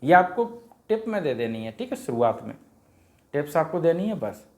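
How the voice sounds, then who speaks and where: A man's voice: fairly high pitch, big pitch swings, moderate pace, darkish tone. Man drilling vowels in a lesson. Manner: repetitive sing-song vowel drilling, asks and answers himself. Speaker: teacher explaining a worksheet. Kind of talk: Hindi grammar lesson for parents.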